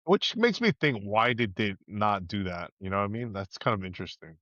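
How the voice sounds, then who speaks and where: A man's voice: fairly low pitch, lively intonation, fairly quick, a bit bright, no room sound, muffled recording. A man co-hosting a wrestling podcast in laid-back casual chat, laughing often. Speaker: podcast co-host.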